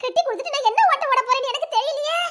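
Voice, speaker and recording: A piping, childlike-high voice that rattles along at a breakneck clip belongs to a feisty young village woman, played by a woman. she teases and jokes and throws out mock threats in this audio love drama, giggly and quick as she goes. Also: a bit bright. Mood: teasing. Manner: rapid rural chatter, giggly, mock threats.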